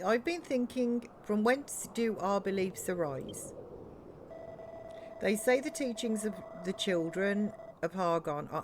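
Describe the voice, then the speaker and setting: A woman's voice: mid-range voice, a little mellow, slight background noise, natural voice. A woman voicing an earnest, formal soldier and builder in game dialogue read aloud. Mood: thoughtful. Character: earnest, formal soldier-builder questioning beliefs and rallying allies.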